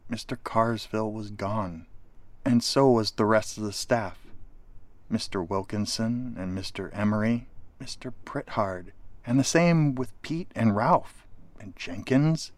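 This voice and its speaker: A man reading a story aloud as dramatic audiobook narration, often dropping to a hushed near whisper. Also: fairly low pitch, dry recording.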